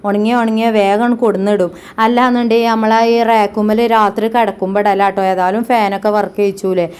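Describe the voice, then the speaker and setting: A woman's voice: medium pitch, little pitch movement, quick pace, a little mellow, smooth. A woman, chatting to her viewers in a casual family vlog as she narrates her housework. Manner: chatty, talks straight to viewers. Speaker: family vlogger.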